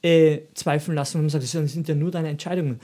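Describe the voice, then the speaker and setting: A man's voice: fairly high pitch, fairly even intonation, fast talker, warm tone. A man from Austria talking in a casual podcast chat, rambling and reflective with many restarts. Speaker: podcast co-host.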